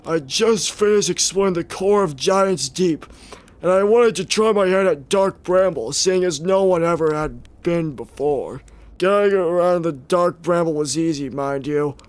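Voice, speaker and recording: A man voicing a gruff old male space explorer who tells a drawling, folksy story in a rough, strained old-man voice. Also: a little high, natural voice.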